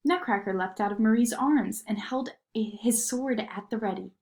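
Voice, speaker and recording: A woman reads a children's story aloud in an expressive manner. Her voice sits on the high side and she keeps a moderate pace.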